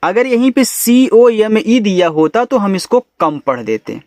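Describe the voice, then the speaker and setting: Slow, patient man teaching English. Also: high-pitched, sing-song, darkish tone, no room sound, clean studio sound. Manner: slow, patient letter-by-letter spelling with Hindi explanations. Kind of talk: spelling out and reading a story word by word.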